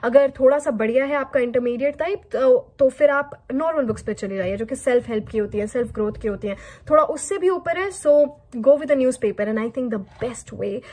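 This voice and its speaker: A woman's voice: sits high, normal speed, hardly any pauses, dark tone, husky. A woman whose first language is Hindi, with a Haryanvi accent, teaching English in an online lesson that mixes Hindi and English, asking and answering her own questions and repeating key words.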